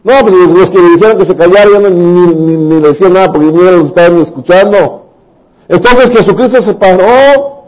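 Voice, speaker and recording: A man preaches a sermon in a high, ringing voice. He tells the Bible stories in an animated way and acts out the voices of the people in them. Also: brisk, low-quality recording.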